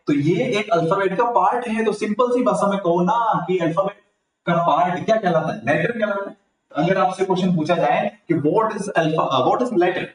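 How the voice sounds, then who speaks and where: Hindi-speaking tutor in an echoey room. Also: male voice, high voice. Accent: Rajasthani Hindi. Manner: asks the class and answers himself. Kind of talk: online grammar lesson. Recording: echoey room, mic far off.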